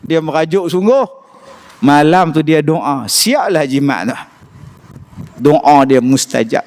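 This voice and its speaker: A male preacher with a northern Malaysian Malay accent gives a lively, humorous lecture in a mosque. His voice sits fairly high and rings clear and smooth. He acts out the people in his stories as he speaks. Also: takes it slowly. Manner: animated storytelling, acts out voices.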